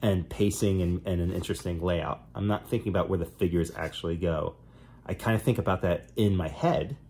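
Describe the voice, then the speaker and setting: A middle-aged man with a New Jersey accent walks through his drawing process in a relaxed, rambling way, full of ums and restarts. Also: low voice, fairly quick, slightly rough. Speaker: comic artist. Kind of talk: casual drawing tutorial.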